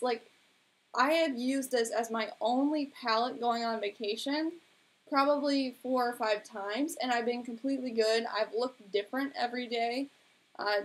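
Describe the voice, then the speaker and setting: A young woman chatting casually on her own live stream, rambling along with lots of filler words. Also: fairly high pitch. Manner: chatty and rambling, heavy use of "like". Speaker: beauty vlogger hosting a live stream. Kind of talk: casual live-stream chat about makeup.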